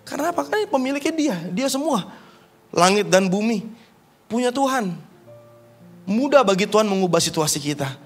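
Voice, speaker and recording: A man preaching a sermon as pastor, moving between raised emphatic lines and soft, intimate asides. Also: high voice, sing-song, brisk, pauses often, soft background music.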